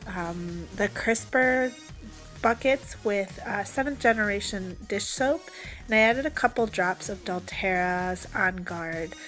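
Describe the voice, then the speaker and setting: A woman's voice: mid-range voice, slow pace, a bit bright, soft background music. A young woman vlogging as she cleans her fridge, chatty and upbeat, talking straight to her viewers while her voice is partly gone. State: voice partly lost. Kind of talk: casual cleaning vlog.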